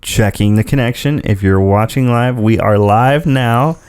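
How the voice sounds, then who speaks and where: A man's voice: medium pitch, a little slow, a little mellow, smooth, no room sound, studio quality. A young man co-hosting a casual podcast from a home office, rambling and laughing often. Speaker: podcast co-host. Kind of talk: casual banter. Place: spare-room home office studio.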